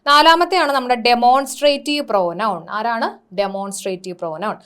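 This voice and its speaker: A woman's voice: fairly high pitch, a little slow, fairly bright tone, clear, resonant tone. A woman with a Malayali accent teaching an exam-prep grammar lesson, asking questions and answering them herself while mixing English words into her explanations. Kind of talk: classroom-style lesson.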